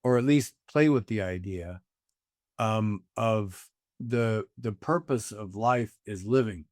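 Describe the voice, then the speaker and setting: A man's voice: on the low side, slow pace, darkish tone, no echo, clean studio sound. A man in his sixties, a guest in a casual conversation, musing reflectively with an easy, sometimes profane manner.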